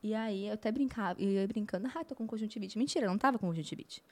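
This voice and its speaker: A woman, a flight attendant, telling a story in a lively, casual way, often repeating words for effect. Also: medium pitch, racing.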